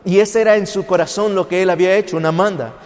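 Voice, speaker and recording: A man's voice: high-pitched, steady tone, quick pace, a little mellow. A man from Mexico preaching a sermon with a personal testimony, telling it with emotion and acting out the voices in his story. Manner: emotional storytelling, acts out quoted voices, mixes in English. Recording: long hall reverb.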